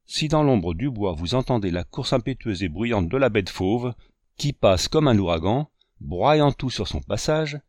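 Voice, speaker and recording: A man's voice: medium pitch, darkish tone, dry recording, lightly acted. Storybook guide, stern with novices, voiced by the male narrator, dry sound.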